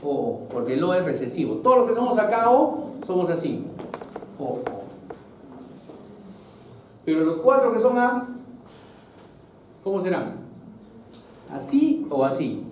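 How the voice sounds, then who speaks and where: A man's voice: high voice, very animated, a little slow, long pauses. A man teaching a biology lesson to a class, explaining step by step and often checking whether students follow. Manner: explanatory, keeps checking in with "¿no es cierto?". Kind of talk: classroom lecture. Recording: very echoey noisy classroom, far mic.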